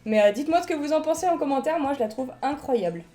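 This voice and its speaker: A woman's voice: high-pitched, lively intonation, quick pace, dark tone, faint music behind. A young French woman chatting enthusiastically as she unboxes collectible figurines in a casual vlog. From France.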